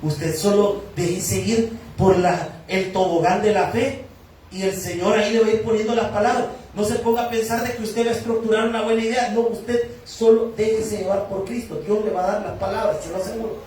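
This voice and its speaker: A man's voice: high-pitched, steady tone, fairly quick, darkish tone, slight background noise. A man, preaching a sermon and telling a personal story, acting out the dialogue with voices. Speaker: pastor. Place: church hall. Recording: echoey hall, distant from mic.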